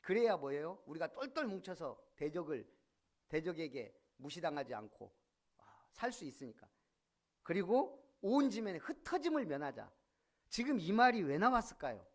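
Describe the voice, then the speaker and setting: Preaching in a church sanctuary, this man speaks at a normal pace in a voice that's a little high. He keeps his sermon animated and repeatedly quizzes the congregation.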